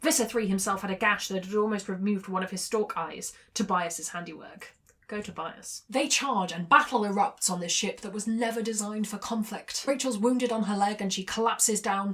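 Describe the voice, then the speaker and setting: A woman recapping a novel in a casual vlog, chatting with light jokes and reading passages aloud. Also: medium pitch. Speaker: book reviewer.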